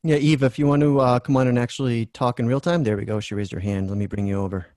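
A man's voice: mid-range voice, steady tone, fast talker, darkish tone, no room sound. Thoughtful male host, dry close sound. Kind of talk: casual discussion on a video call.

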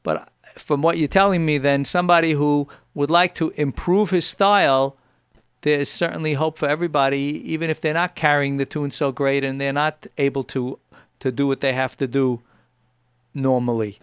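A man's voice: fairly high pitch, fairly even intonation, moderate pace, clean tone, no room sound. A man hosting an interview show, summing up his guest's points and asking follow-up questions. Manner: summarizing and prompting questions. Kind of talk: radio-style interview.

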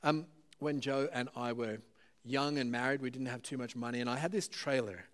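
A man preaching a sermon in a relaxed, conversational way, with plenty of "um"s and self-deprecating asides. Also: medium pitch, moderate pace.

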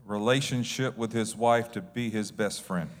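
A male pastor preaching with humor in short phrases, pausing for an interpreter. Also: on the low side, soft background music. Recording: long reverb of a large hall.

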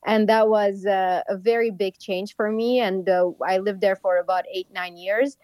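A woman's voice: mid-range voice, fairly even intonation, normal speed, darkish tone, dry recording. A young woman from Syria, a travel YouTuber, answering interview questions in an upbeat, casual way over a remote call. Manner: upbeat, with frequent ums.

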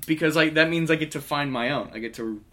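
A man's voice: on the high side, quick pace, fairly bright tone. A young man in his twenties, a podcast guest, talking casually in a rambling, upbeat way with lots of restarts. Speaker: podcast guest, comic and musician. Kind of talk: casual conversation.

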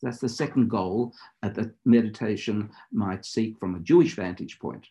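Dark-voiced, gravelly man teaching meditation. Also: fairly low pitch. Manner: deliberate, instructive, speaking in short measured phrases. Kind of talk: spiritual lecture turning into guided meditation instruction.

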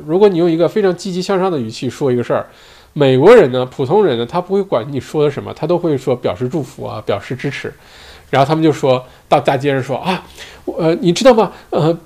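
A man hosts his own solo show in a medium-pitched, darkish voice. He talks casually and rambles, leaning on lots of fillers and tag questions in a relaxed commentary monologue.

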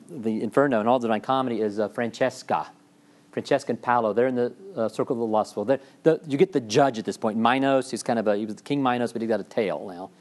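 A man giving a classroom lecture in a discursive way, with frequent fillers and restarts, often checking in with the class. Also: medium pitch.

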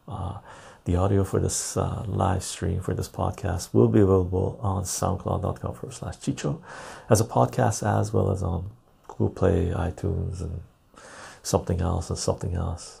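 A man hosting a casual live stream in a laid-back, jokey way, with a gravelly, husky voice, recorded on a clip-on lapel mic. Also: low voice, flat delivery, normal speed, warm tone. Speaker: live stream and podcast host. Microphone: lapel mic clipped on.

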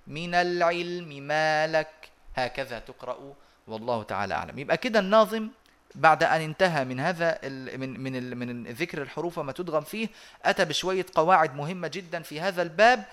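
A man with an Egyptian Arabic accent teaching Quran recitation in an online lesson over a video call. He explains a rule, then recites the examples slowly and repeats them. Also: on the high side, a bit bright.

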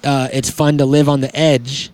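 A man hosting a podcast in relaxed, casual chat. He rambles along with plenty of "like"s and "um"s. His voice sits in an ordinary middle pitch. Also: normal speed, no echo. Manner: rambling, laid-back, full of "like" and "um". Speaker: podcast host.

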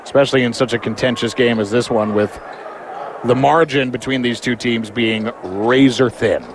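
A man's voice: mid-range voice, moderate pace. Male basketball play-by-play man over game noise. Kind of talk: live sports commentary. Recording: clear background noise of the game.

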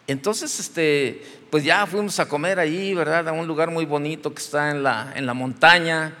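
A Mexican pastor preaching in a slightly high voice that rings through the long reverb of a church hall. His delivery is chatty and full of humor, like a man telling an anecdote among friends before he brings it back to the point. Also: moderate pace, pushed and bright. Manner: conversational, joking storytelling from the pulpit. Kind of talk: sermon.

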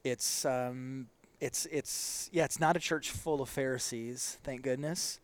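A man speaks as a podcast guest with a lilting North Dakota style accent from the Upper Midwest. He is a pastor talking casually and modestly, often circling back over his phrases at a middling pitch. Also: steady tone, slow. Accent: sing-song Upper Midwest, like North Dakota. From South Dakota, United States. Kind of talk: casual interview chat.

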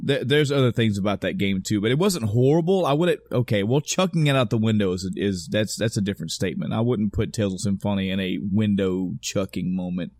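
Rambling man with a lowish voice. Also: expressive, a little fast, few pauses, a little mellow, no echo. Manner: rambling, self-correcting, swearing. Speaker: podcast co-host. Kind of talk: casual chat.

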